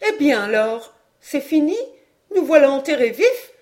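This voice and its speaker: A panicked mother from a storybook, her voice pitched high and raised, anxious and pleading, as a woman narrator puts her on. She trembles through every line with dread. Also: very animated, moderate pace, a little mellow. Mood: despairing. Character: frightened middle-aged mother, despairing.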